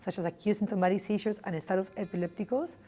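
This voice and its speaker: A woman's voice: medium pitch, steady tone, quick pace, mellow. A middle-aged woman from Peru with a Peruvian Spanish accent, a neurology professor speaking earnestly in an interview, with small grammar slips. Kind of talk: interview monologue. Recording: faint music underneath.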